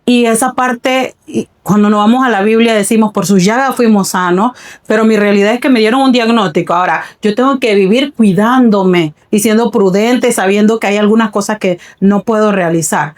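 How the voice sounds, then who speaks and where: A woman's voice: mid-range voice, normal speed. Earnest woman pastor sharing her story. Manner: earnest, reflective, often repeats words. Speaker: pastor, podcast guest. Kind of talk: personal testimony in a faith podcast conversation.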